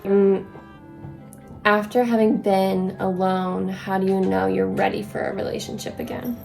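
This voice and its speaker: A woman's voice: medium pitch, steady tone, a little slow, gravelly, a little mellow, faint music behind. A young woman in casual chat, asking questions and teasing in a dry way. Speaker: co-host.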